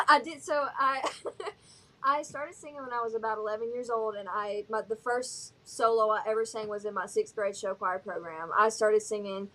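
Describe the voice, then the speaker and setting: A young adult woman from Alabama, a singer-songwriter guest, chats through a casual interview in a Southern American drawl. Her fairly high, fairly bright voice stays steady at a normal pace, and she's bubbly and easygoing, giggling often and leaning on "um" and "like."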